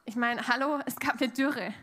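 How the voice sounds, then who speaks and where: A woman interpreting a sermon live, echoing the preacher's expressive tone. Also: sits high, moderate pace.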